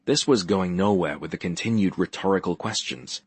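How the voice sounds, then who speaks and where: Low, husky man narrating. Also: normal speed, no echo. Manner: wry, dry wit. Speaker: audiobook narrator. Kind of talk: first-person audiobook narration.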